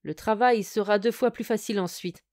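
A gruff old woodcutter father who scolds his son, as a woman reads him. He speaks slowly and firmly. It is an audio storybook reading. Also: medium pitch, a little mellow, lightly acted. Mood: stern.

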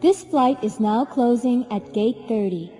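A woman's voice: fairly high pitch, a little slow, dark tone, in a large hall, soft background music. A woman reading formal flight announcements over an airport intercom. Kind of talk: scripted textbook announcement.

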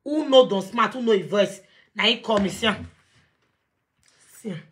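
A woman with a Nigerian accent hosting a live video call, animated and confrontational, mixing Pidgin English. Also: medium pitch, normal speed, a little hiss or hum. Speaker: talk show host.

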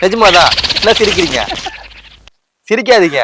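A man with a Tamil accent, talking in hidden-camera prank banter on a park bench outdoors, complaining and ranting loudly. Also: high voice, animated, normal speed, very noisy. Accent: Tamil Nadu.

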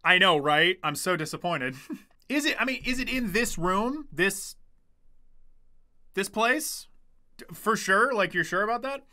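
This twenty-something man streams games from a small, dim room, his desk microphone just in front of him as he reads chat, jokes around, and swears casually. His voice sits high with a sharp edge.

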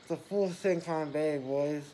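A man's voice: a little high, unhurried, dark tone. Man, twenties, groggy post-surgery, gauze-muffled, rambling, repetitive, casual vlog, slightly noisy phone audio. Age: 20s. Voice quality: muffled, mouth stuffed with gauze. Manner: groggy, rambling, repeating himself. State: groggy just after wisdom tooth surgery. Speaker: vlogger, military crew chief. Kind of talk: casual handheld vlog chat. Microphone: phone at arm's length. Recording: noisy handheld phone recording.

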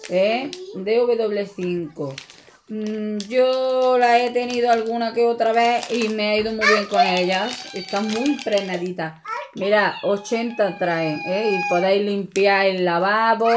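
A woman's voice: medium pitch, steady tone, measured pace. Chatty Andalusian woman showing a shopping haul. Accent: Andalusian Spanish. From Andalusia, Spain. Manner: chatty, jokey, talks to viewers as friends. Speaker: vlogger. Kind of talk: casual shopping haul vlog. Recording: faint background noise.

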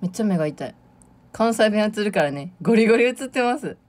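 A woman's voice: medium pitch, animated, quick pace, a little mellow. Bubbly young woman with a Kansai lilt. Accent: Kansai Japanese with Awa dialect touches. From Tokushima, Japan. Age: late teens. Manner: chatty and bubbly, often laughing. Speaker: idol audition livestreamer. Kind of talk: casual livestream chat reading viewer comments.

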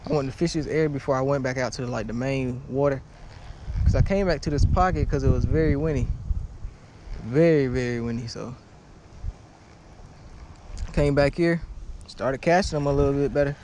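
A young man narrates his own fishing vlog from a small boat on a lake, talking casually and in slang. His mellow, medium-pitched voice comes at a normal speed with long pauses. The body-worn action camera gives poor audio with a little hiss or hum.

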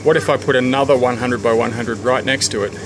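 A homeowner wanders around his house, under the deck and through the garden, thinking aloud about renovation plans in a casual walkthrough. His medium-pitched voice stays steady and unhurried, with frequent pauses, ums and restarts. He holds the camera himself, and background noise runs through the clip.

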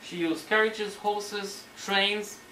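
A man lecturing on history as a story, animated and sometimes searching for words, acting out the quotes. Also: high-pitched, takes it slowly. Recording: roomy hall, mic at a distance, faint noise.

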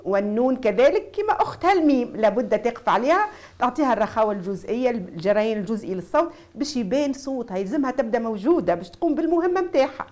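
Tunisian woman, fairly high voice, recitation teacher who explains the rules and then drags each syllable out slowly. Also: very animated, a little mellow. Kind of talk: TV recitation lesson.

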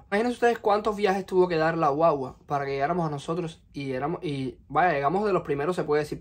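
Speaking with a Cuban Spanish accent in a high voice, a twenty-something vlogger from Cuba shares a personal story from his small bedroom. He's animated and expressive, gesturing with his hands toward a camera at close range in front of him.

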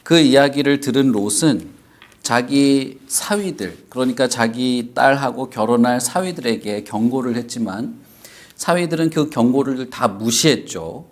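Male Sunday school teacher, gentle storyteller who quizzes the kids and answers their live chat. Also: mid-range voice, a little slow. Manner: storytelling, asks the children questions. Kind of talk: children's Bible story lesson.

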